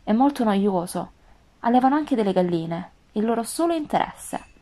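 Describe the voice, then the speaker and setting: A woman voicing a gentle, wise female fox with a calm, earnest tone in a storybook reading. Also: medium pitch, moderate pace, natural voice.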